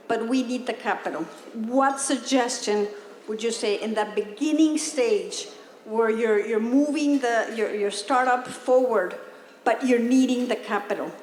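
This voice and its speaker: A woman from Mexico asking a panel a polite, somewhat halting question. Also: on the high side. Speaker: audience member asking a question. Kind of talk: audience question. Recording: echoey hall, long reverb.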